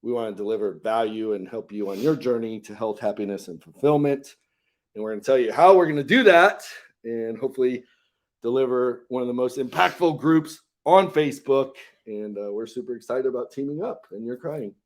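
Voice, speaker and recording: This is a man in his fifties who co-hosts a live health show as a coach. He talks earnestly, stopping often on "and, uh" before going on. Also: mid-range voice. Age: 50s. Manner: earnest, pausing often with "and, uh" fillers. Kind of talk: live show talk and storytelling.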